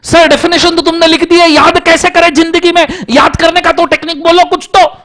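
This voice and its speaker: A man's voice: very high-pitched, little pitch movement, a little fast, a bit bright, pitched above the performer's own voice. A man putting on the voice of a pleading student who asks the teacher for a memory trick.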